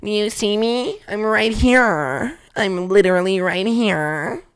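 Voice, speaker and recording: A woman's voice: medium pitch, animated, slow pace, smooth. A woman voicing a whiny, bored young woman who is always complaining, drawling and sarcastic, as a comedy podcast impression. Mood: whining.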